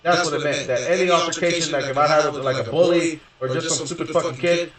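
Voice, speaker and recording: A young Houston, Texas, gaming streamer with a somewhat high, slightly bright voice and fairly even intonation talks fast through a long personal story, swearing, rambling, restarting, and circling back with "you know what I mean." Seated well back from the mic, he's in a room ringing with heavy echo.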